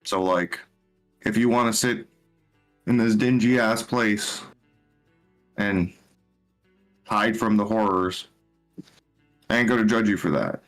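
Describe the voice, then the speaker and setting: Low-voiced, laid-back swearing man. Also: slow, long pauses, faint music behind. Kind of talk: tabletop role-play in character.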